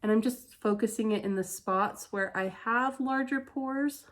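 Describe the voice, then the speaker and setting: A beauty vlogger from Utah films a casual get-ready-with-me, chatty and candid with plenty of "like" fillers. Her fairly high voice is measured in pace and sounds congested and stuffy from a head cold.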